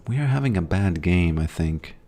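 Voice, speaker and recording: Casually talking to his audience while streaming a game, a Latvian man rambles, muses, and greets chat. His deep, dark voice has lively intonation and a moderate pace.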